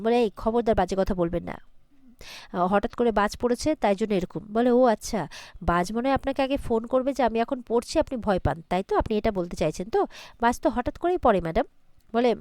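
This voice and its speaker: A woman's voice: medium pitch, darkish tone, dry recording. A woman retelling a TV serial episode in a casual recap, relaying the characters' dialogue with small restarts.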